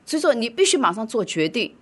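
A middle-aged woman preaching a sermon and telling a personal story, swinging between loud urging and quiet telling. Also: fairly high pitch, very animated, quick pace.

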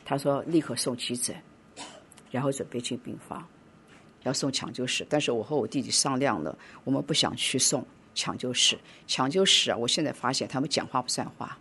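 A middle-aged woman preaching a sermon and telling a personal story, swinging between loud urging and quiet telling. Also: rumbling low, a little fast, a little hiss or hum.

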